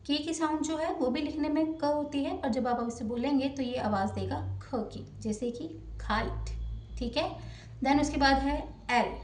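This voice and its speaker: High-voiced woman teaching phonics. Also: a little mellow, distant mic. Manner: slow, careful demonstration of sounds. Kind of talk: phonics lesson for kids. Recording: echoey room, voice off-mic.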